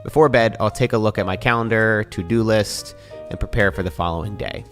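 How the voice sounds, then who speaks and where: A man in his thirties with a somewhat low voice narrates a vlog in a calm, even, scripted voice-over. Soft music plays faintly underneath. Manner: calm, measured, even-toned. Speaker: vlogger and podcaster.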